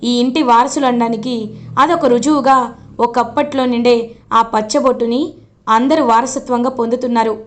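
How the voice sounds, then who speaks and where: A woman's voice: fairly high pitch, steady tone, normal speed, natural voice. A woman voicing an older male family elder who explains things firmly, in a serial recap. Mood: explaining.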